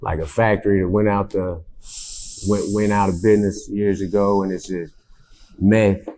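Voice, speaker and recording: Deep-voiced laid-back young man. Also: level tone, moderate pace, warm tone. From Indiana, USA. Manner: laid-back, repeats words, many fillers. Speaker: rapper, interview guest. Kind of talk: casual interview talk.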